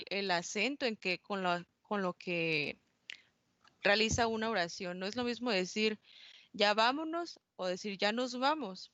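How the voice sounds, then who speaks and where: A woman's voice: mid-range voice, a bit bright, clear, resonant tone, no echo. Hesitant young woman giving a class talk. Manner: hesitant, many fillers and self-corrections. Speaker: student presenter. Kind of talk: class presentation on aphasia. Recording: dull, dry close recording.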